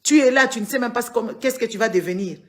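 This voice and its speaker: On a live stream, a woman from the Democratic Republic of the Congo scolds and lectures viewers about politics, hammering her points with repeated words. She talks fast, her voice leaning high with a fairly bright tone.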